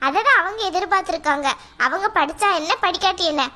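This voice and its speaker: A worried middle-aged mother from a cartoon, voiced by a woman. Her voice is very high and bright, almost squeaky. She talks in a fretful, pleading way. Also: quick pace. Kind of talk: cartoon voice acting.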